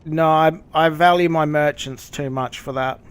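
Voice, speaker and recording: A man streaming a game, chatting casually and explaining things with swearing and halting pauses. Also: fairly high pitch, fairly even intonation, smooth. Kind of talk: casual gameplay commentary and chat.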